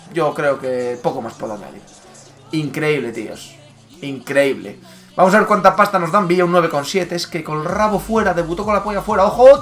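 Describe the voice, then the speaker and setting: A man with a Spain Spanish accent giving live football gameplay commentary, excitable and bursting into loud exclamations and swearing. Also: a little high. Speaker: gaming YouTuber.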